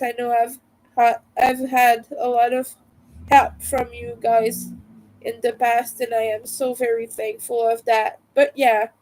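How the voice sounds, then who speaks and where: A woman's voice: a little high, a little mellow, rough recording. A woman hosting a casual livestream chat in a rambling way, her voice congested and nasal from a cold, as if her nose were pinched. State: stuffy nose from a cold and allergies. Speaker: livestream host.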